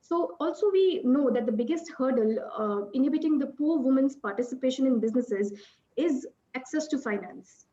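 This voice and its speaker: A woman's voice: high voice, expressive, normal speed, mellow, dull audio. A woman with an Indian English accent moderating a virtual panel discussion, hesitant, with many filler sounds. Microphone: video call.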